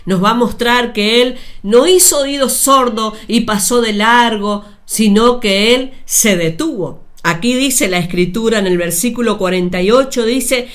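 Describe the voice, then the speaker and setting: A woman preaching a sermon, speaking deliberately with repeated phrases and addressing her listeners directly. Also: on the high side.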